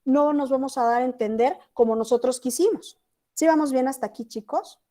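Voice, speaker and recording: A woman's voice: high-pitched, brisk, dark tone. A woman teacher from Chiapas, Mexico, lecturing an online class and checking in often with her students. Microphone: video call.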